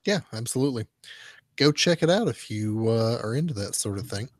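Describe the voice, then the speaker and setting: Animated and a little fast, a mid-range male voice recaps a comic book story as a podcast co-host. The talk is casual and rambling, packed with fillers and restarts, and the recording is dry and studio quality.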